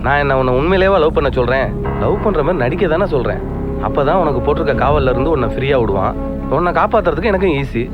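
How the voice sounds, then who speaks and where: An actor playing a young man who calmly reassures and persuades his frightened sweetheart in a film scene. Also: on the high side, fast, close to an everyday voice. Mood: reassuring. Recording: muffled film audio with loud music.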